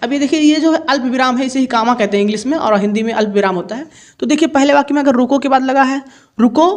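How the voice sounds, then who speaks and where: A man's voice: extremely high pitch, a little mellow. Male tutor solving a past exam paper, patient and methodical, repeats key definitions. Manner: explains step by step, repeats each definition. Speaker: teacher. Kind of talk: exam paper solution lesson.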